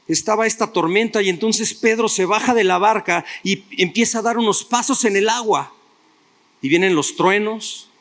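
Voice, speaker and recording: High-voiced man preaching a sermon. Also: a bit bright. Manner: storytelling preaching with rhetorical questions to listeners. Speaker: pastor.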